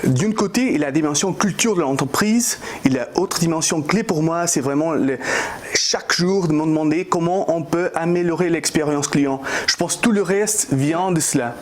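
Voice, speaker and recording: A startup CEO from Portugal, a man in his thirties, answers interview questions in a fairly high voice at a moderate pace, with a Portuguese accent. He sounds hesitant, using many fillers and restarts along with non-native phrasing, and there is slight background noise.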